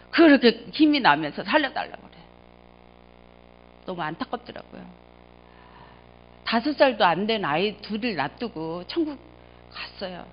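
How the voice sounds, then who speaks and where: A middle-aged woman pastor preaching a sermon, telling stories with strong feeling, rising to loud cries and dropping to quiet low asides. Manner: emotional storytelling, swings between loud exclamations and quiet low asides. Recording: dull lo-fi sound.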